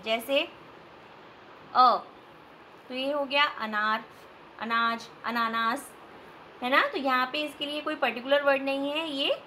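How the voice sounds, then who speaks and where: A woman teacher giving a recorded grammar lesson for children, slow and patient, spelling out sounds with examples. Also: high-pitched, pushed and bright, a little hiss or hum. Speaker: school teacher.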